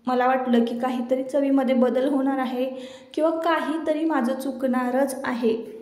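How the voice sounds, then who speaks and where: A woman's voice: high-pitched, steady tone, unhurried, a little mellow, roomy sound. A middle-aged woman with a Marathi accent, chatting homely as she talks viewers through a home cooking recipe. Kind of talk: casual recipe voice-over.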